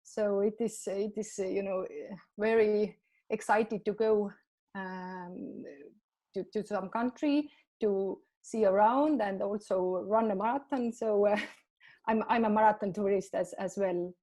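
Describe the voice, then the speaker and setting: A woman in her forties from Estonia, a native Estonian speaker, answering interview questions in halting English with many fillers and restarts. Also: medium pitch, steady tone, dark tone. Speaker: marathon general manager. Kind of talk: podcast interview.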